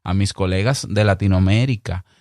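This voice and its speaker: A man with a Dominican Spanish accent giving podcast advice in a clear, deliberate, emphatic way, acting out little exchanges. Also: low-pitched, darkish tone, no echo, clean studio sound. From Dominican Republic. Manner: emphatic, chatty, mock-acts little dialogues. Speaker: podcast host. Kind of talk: solo podcast advice monologue.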